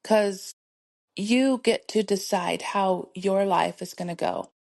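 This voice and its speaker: Taking it slowly, a middle-aged woman speaks in a creaky, darkish, medium-pitched voice on her solo motivational podcast. She soothes and encourages her listeners, often laughing as she urges them to keep going.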